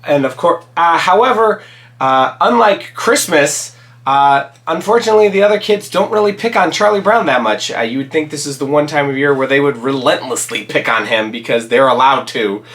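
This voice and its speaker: Hosting his own channel, a man whose voice is raspy and roughened by a cold chats casually about his favorite movies in solo commentary. He rambles, restarts sentences and fills gaps with ums, his voice on the high side, expressive and fairly bright.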